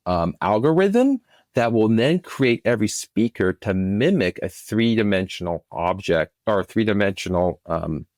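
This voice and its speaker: This interview guest, recorded remotely through internet software, has a fairly low, animated voice with a slightly mellow quality. He explains with enthusiasm but keeps restarting his phrases, halting as he goes. The recording is dry and studio quality.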